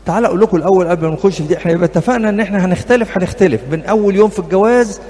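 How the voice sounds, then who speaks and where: A high-pitched, darkish male voice talks very fast. He's a middle-aged marriage counselor with an Egyptian accent, addressing church couples directly with humor and stories, recorded in a reverberant hall with faint background noise.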